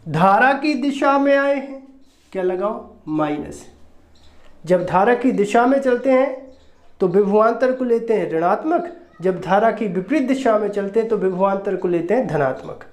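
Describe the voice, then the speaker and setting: A physics teacher giving a recorded lecture, repeating each step and asking quick rhetorical questions to check understanding. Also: medium pitch, lively intonation. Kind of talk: recorded classroom-style lecture. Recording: roomy echo.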